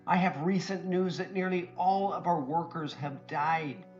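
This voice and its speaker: A man's voice: a little high, fairly even intonation, a little slow, muffled recording, soft background music, pitched above the performer's own voice, close to an everyday voice. Man doing Alexander, a polite kobold merchant. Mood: earnest storytelling. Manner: courteous, formal. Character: polite well-dressed kobold merchant, male.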